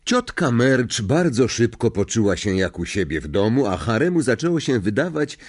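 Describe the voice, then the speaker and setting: A man narrating a novel as an audiobook reader, in expressive, unhurried storytelling. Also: lowish voice, breathy edge.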